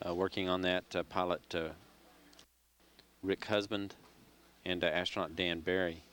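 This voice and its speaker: A man giving live space mission commentary from mission control in a measured, halting, informative way. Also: deep voice, level tone, fairly bright tone, slight background noise.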